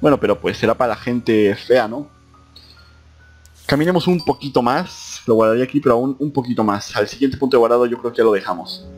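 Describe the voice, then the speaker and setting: A young man narrates his playthrough of a horror game in a playful way. His voice sits at an ordinary male pitch but jumps into high yelps when startled. Faint guitar music plays behind him. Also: brisk. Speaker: gaming YouTuber. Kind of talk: let's play commentary, reading game text aloud.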